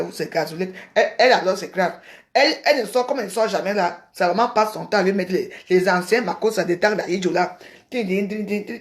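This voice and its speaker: A woman from Cameroon ranting on a livestream, scolding and mocking her rivals, often repeating herself. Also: medium pitch. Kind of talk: heated livestream rant.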